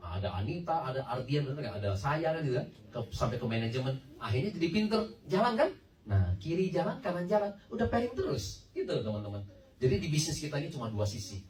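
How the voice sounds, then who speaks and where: Lively man pitching to a crowd. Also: fast talker. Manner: lively storytelling, acts out quotes, laughs often. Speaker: multi-level marketing recruiter. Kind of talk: sales pitch to an audience. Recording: echoey room from far off, crowd behind.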